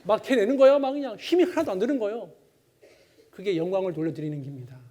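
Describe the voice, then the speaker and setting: High-pitched male preacher, animated storyteller giving a Bible lecture. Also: fast. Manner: animated, acts out the people in his stories. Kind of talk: sermon with storytelling.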